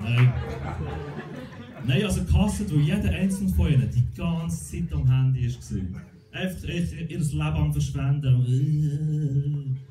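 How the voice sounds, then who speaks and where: A young man with a Swiss German accent doing a stand-up comedy set, deadpan and self-mocking, acting out other people's voices. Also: on the high side, recorded from a distance. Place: comedy club stage. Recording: roomy club with loud crowd and music.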